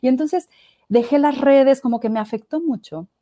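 A woman's voice: high-pitched, normal speed, no echo, studio quality. A woman in her thirties with a Mexican accent, telling her story as a podcast guest. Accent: Mexican Spanish. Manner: expressive storyteller, acts out quoted voices. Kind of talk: casual conversational interview.

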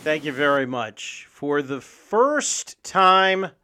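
A man's voice: on the high side, very animated, slow, bright, forceful tone, slight background noise. A man hosting a sports show, talking and reading ads energetically in punchy, emphatic short phrases. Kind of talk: energetic sports talk and ad read.

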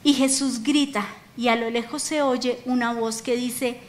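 A woman pastor preaching a sermon, emphatic in her calls and dropping low and soft for intimate points. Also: fairly even intonation, measured pace, a little hiss or hum.

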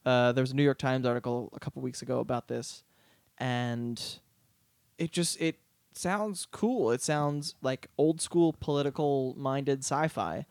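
A man's voice: medium pitch, a little slow, no echo. A man co-hosts a casual book podcast in a mid-range voice. He rambles easily, trailing off into fillers. The sound is close and dry. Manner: relaxed, chatty, trails off with fillers. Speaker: podcast co-host.

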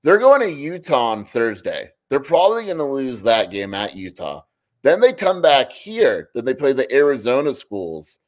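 A man's voice: medium pitch, sing-song, moderate pace. A man co-hosting a sports podcast in casual chat, pressing his opinions and leaning on "like" as he argues. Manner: opinionated, argues points with repeated "like". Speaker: podcast co-host.

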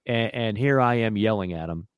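A man co-hosting a sports radio show, telling a long personal story in a casual, animated way. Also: fairly low pitch, moderate pace, smooth, dry recording, studio quality. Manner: animated storyteller who acts out quoted voices.

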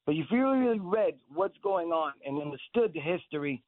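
Speaking through a phone with a tinny, roomless sound, this man's slightly high voice is animated and moderately paced. He's a radio interview guest from Israel who acts and directs, and he drives his arguments home with earnest insistence and repetition.

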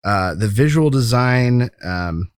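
With a medium-pitched, smooth voice and lively intonation, this man takes things slowly while hosting a casual film podcast. He leans on key words in an informal way, and there's no echo.

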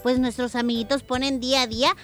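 A woman co-hosting a children's program, speaking directly to young listeners in an animated, chatty, advisory way. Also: high-pitched, fast, faint music behind. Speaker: children's show co-host. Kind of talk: conversational moral advice to child listeners.

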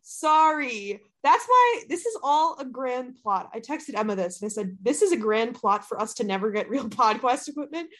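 A woman's voice: a little high, big pitch swings, moderate pace, few pauses, a bit bright. A woman in her early twenties from the US Midwest, co-hosting a casual, slangy podcast over a computer video call. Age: early 20s. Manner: giggly, profane, slangy. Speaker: podcast co-host.

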